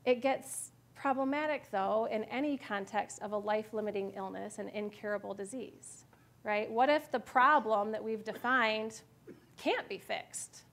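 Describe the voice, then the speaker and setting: A woman's voice: mid-range voice, normal speed. A woman in her thirties giving an earnest, reflective adult education lecture in a church meeting room, often checking in with her listeners. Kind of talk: personal lecture with slides. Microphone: far camera in room.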